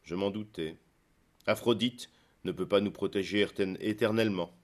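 A man voicing Helen, a weary, sorrowful woman, speaking softly in a murmuring tone. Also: fairly low pitch, a little slow, natural voice.

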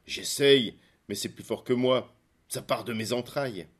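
A man's voice: medium pitch, unhurried, lightly acted. A man voicing Andromache, a loving, anxious young wife and mother, speaking in a pleading, emotional way.

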